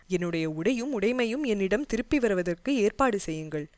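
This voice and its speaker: A woman voicing a bold young male warrior envoy who speaks in rapid, defiant outbursts. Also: mid-range voice, animated, darkish tone, no room sound, natural voice. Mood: indignant.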